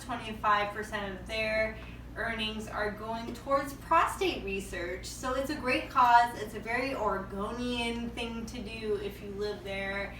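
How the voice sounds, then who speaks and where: Bright-voiced woman, roomy and off-mic. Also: a little high, far from the mic. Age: late 20s. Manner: profane, joking. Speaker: podcast co-host. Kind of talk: casual chat. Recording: roomy, off-mic, faint background noise.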